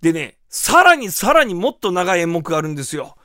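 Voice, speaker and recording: A man who is a rakugo performer hosting a radio show, telling comic stories in a lively way. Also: high voice, a little fast, no room sound, studio quality. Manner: lively, animated, acts out quotes. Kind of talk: comic storytelling talk.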